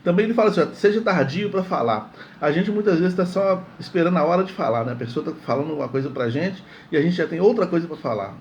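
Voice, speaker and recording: A man's voice: a little high, animated, racing, hardly any pauses, darkish tone, dull audio, a little hiss or hum. A man giving a morning devotional sermon in a conversational way, often repeating words and checking in with "entende?". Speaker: preacher.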